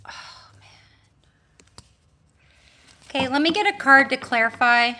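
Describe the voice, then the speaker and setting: Woman, 40s, tarot livestream host; high and bright, unhurried, chatty and musing. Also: expressive, slight background noise. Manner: chatty and musing, thinks aloud with restarts and drawn-out exclamations; addresses viewers warmly, with homely blessings. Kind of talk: casual livestream chat.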